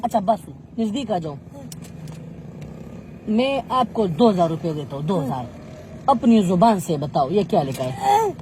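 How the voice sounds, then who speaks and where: A man's voice: high-pitched, very animated, a little slow, long pauses, background noise. A man, coaxing and pleading in a mock-tearful street confrontation. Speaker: street interviewer.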